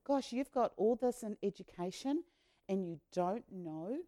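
A woman's voice: medium pitch, lively intonation, unhurried, mellow, natural voice. A woman voicing a formerly blind man who gives frank, cheeky replies as she retells a Bible story.

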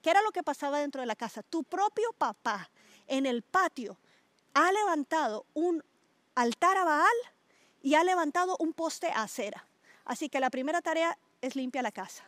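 A middle-aged woman pastor delivers a conversational sermon with a high, bright-pitched voice. The sound is dry and close. She stretches words for emphasis and turns to her listeners with questions. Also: lively intonation, moderate pace, no room sound. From Colombia. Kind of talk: conversational sermon to a small group.

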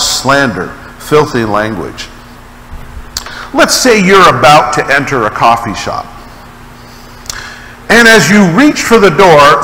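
Man preaching a sermon: slow, bright, expressive delivery in a reverberant hall. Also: fairly high pitch, a little hiss or hum. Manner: animated storytelling with dramatic pauses. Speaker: pastor.

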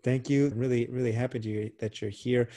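A man hosting a podcast, asking friendly questions in a halting way with repeated words. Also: medium pitch, fairly even intonation, warm tone. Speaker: podcast host. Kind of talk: podcast intro and interview.

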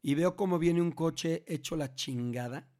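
A middle-aged man with a Mexican Spanish accent tells a story in a casual conversation. His voice sits a little higher than most men's. He speaks in an animated, slangy way and keeps restarting his sentences. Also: a little slow. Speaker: parent telling a story to his grown child.

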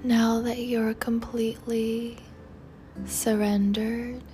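A woman guiding a meditation in a soft, breathy spa whisper, soothing and tender toward the listener. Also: fairly high pitch, little pitch movement, slow. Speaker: meditation guide. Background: music.

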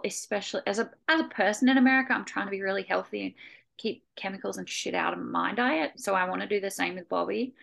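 A woman with a gravelly, fry-edged voice co-hosting a relaxed podcast. She talks in a laid-back way, dropping fillers and the odd swear word. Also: medium pitch. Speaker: podcast co-host. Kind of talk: casual podcast chat.

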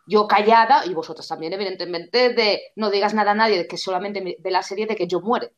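A woman's voice: mid-range voice, brisk, highs cut off. Chatty young Spanish woman telling stories. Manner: animated storytelling, acts out quoted voices. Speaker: podcast co-host. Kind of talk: casual chat.

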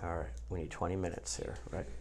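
A man's voice: low voice, little pitch movement, fast, background noise. A man hosting on camera, chatting off the cuff and giving his crew informal, blunt, jokey directions. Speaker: host being filmed as hypnosis subject.

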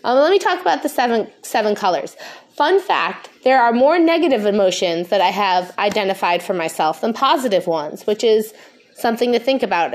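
A stoned woman podcast host talking casually and frankly, rambling, swearing freely and losing her thread. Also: medium pitch.

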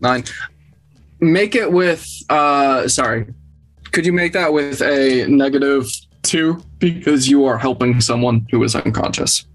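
Slow-paced woman running a tabletop game. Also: extremely low pitch, poor audio. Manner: casual, halting. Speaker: game master. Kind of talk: narrating a tabletop role-playing game.

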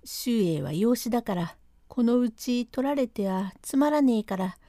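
A woman voicing an excitable rustic male servant who talks in thick country dialect, reading a classic comic storytelling text aloud. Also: a little high, a little slow, no echo, clean studio sound. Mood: urgent.

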